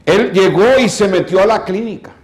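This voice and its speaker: A man's voice: high voice, moderate pace, reverberant. A man preaching a sermon as pastor, telling a story dramatically and exhorting his listeners. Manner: dramatic storytelling, acting out quoted voices; scolding, exhorting. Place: church.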